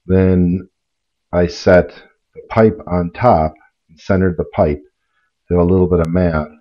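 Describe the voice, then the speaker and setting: Middle-aged guy, deep voice, walking thru a diy job in his garage, kinda muffled camera sound. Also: fairly even intonation, unhurried, warm tone. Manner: plain, practical explaining with small restarts. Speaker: DIY channel host. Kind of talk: casual workshop tutorial. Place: home garage workshop.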